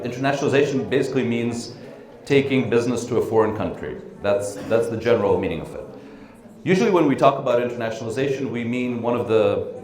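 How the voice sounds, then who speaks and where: In an echoey conference room, a middle-aged man gives a relaxed training lecture in a mid-range voice. Russian-born and raised in the US and the Netherlands, he says um and uh often and keeps asking "right?"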